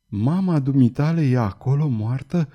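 A man voicing a tender young nobleman who speaks softly and kindly, in a read-aloud story. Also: mid-range voice, muffled recording, close to an everyday voice. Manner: soft, hushed.

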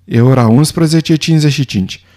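A man voicing a calm, measured old judge who speaks in a level, deliberate way. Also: a little high, lightly acted.

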